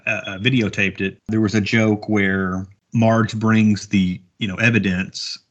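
A man in his thirties with a fairly low voice, talking through a casual podcast chat. He rambles, fills gaps with "uh", and chuckles along the way. The recording is dull and lo-fi. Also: flat delivery, a little slow. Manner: rambling, chuckling, lots of fillers. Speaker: podcast co-host.

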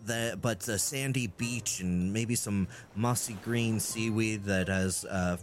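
A man's voice: fairly low pitch, slow pace, faint music behind. A man running a tabletop game as game master, narrating with many fillers. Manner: rambling with many fillers, laughs while narrating.

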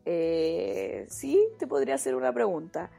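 Mellow, gravelly-voiced woman co-hosting. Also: mid-range voice, lively intonation, measured pace, soft background music. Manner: brief agreeing replies, asks the questions. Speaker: podcast co-host. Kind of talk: casual conversational podcast.

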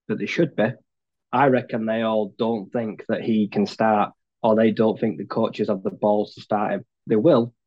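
A man's voice: lowish voice, darkish tone, muffled recording. A man speaking bluntly and swearing freely in a casual sports podcast chat.

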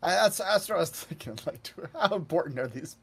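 A man playing a tabletop game, chatting casually in a halting way with repeated words. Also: high-pitched, lively intonation, a bit bright, husky. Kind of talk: casual chat.

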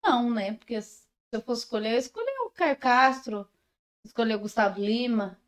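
A Brazilian woman co-hosting a casual podcast, joking and firing back quick comebacks. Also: on the high side, lively intonation. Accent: Brazilian Portuguese. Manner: playful, jokey, quick comebacks. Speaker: podcast co-host.

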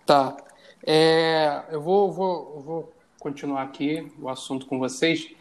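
A man with a Brazilian Portuguese accent hosting a casual chat, asking his guests questions in a playful, relaxed way. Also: on the high side, slow pace. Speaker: podcast host.

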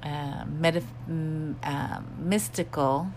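A woman's voice: deep voice, takes it slowly. A woman podcast host chatting casually in a hesitant, confiding way, recorded in a small bathroom at home with a fan running. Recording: bathroom with steady fan hum. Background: humming bathroom fan.

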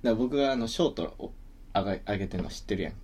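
A man's voice: fairly low pitch, animated, rapid-fire, a little mellow, breathy edge. A young man with a Kansai accent, chatting casually as a comedy duo co-host, trailing off into fillers as he tells a story. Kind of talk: casual chat.

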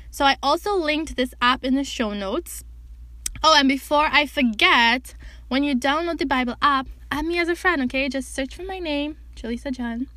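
A woman's voice: high-pitched, pushed and bright, no room sound. A young woman hosting her own podcast, talking casually, joking and bossing her listeners around. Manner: chatty, joking and bossy. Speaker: podcast host. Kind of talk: casual solo podcast talk.

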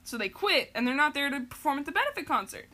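A woman's voice: high voice, sing-song, fast talker, a crowd in the background. A young adult woman hosting a podcast, casually recapping a show in a rambling, filler-heavy way and giggling often. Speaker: podcast host.

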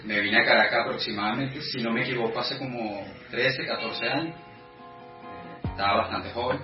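Venezuelan guy in his 30s, lots of "eh" pauses, sounds far from the mic, echoey room. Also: medium pitch, highs cut off, music in the background. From Venezuela, the llanos. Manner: thoughtful, many hesitant fillers. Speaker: guest artist. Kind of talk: casual interview.

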